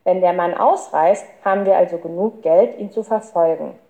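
A woman's voice: fairly low pitch, moderate pace, mellow, natural voice. A woman reading an audiobook, voicing a determined boy detective laying out a plan. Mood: earnest.

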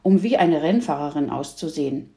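A woman voicing a stubborn, eager young boy who speaks up loudly, in a roomy-sounding recording. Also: deep voice, expressive, normal speed, voice pushed down.

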